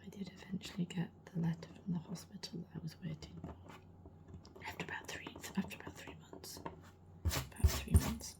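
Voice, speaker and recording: Brief: middle-aged woman, whispered role-play, low-pitched, fry in the voice, a little hoarse. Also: steady tone, fast. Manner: soft rambling whispered chat. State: slightly losing her voice. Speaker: ASMR creator.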